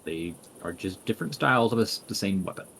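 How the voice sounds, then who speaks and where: A man narrating a tabletop game as dungeon master, relaxed and rambling with fillers. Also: low voice, quick pace, creaky, a little hiss or hum.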